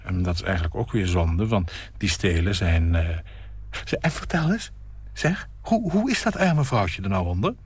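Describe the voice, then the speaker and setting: A man voicing a chatty woman in her forties who gushes and fusses, with a husky voice, in a radio story. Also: low-pitched, fairly even intonation, moderate pace, darkish tone. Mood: fussy. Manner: gushing, fussy, drifting mid-sentence. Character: chatty 42-year-old housewife, gushing.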